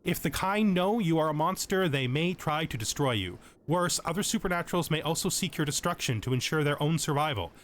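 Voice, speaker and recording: A gaming channel's host alternates between reading out on-screen game text and casually explaining it, much like a tutorial. He has a slightly high voice, and a little background noise can be heard.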